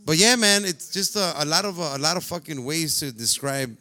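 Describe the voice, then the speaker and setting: A man's voice: on the high side, animated, normal speed, sharp tone. A man in casual podcast chat, slangy and profane, switching between English and Spanish.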